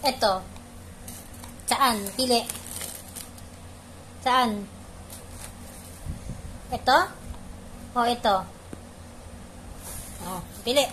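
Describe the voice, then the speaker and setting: Woman, playful pet talk, unhurried, coaxing commands, faint noise behind. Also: on the high side, steady tone, fairly bright tone. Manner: coaxing, repeats short commands. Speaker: pet owner.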